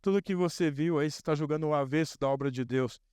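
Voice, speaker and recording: A man's voice: on the high side, quick pace, darkish tone, smooth, dry recording, clean studio sound. A man preaching a sermon as pastor, building his points through repeated phrases that climb in intensity. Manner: rising, repetitive preaching build-up.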